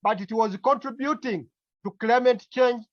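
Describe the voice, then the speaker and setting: A man with a Ugandan accent speaking as a climate activist at a meeting, halting and earnest, often repeating phrases. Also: extremely high pitch, no room sound. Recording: dull lo-fi call audio.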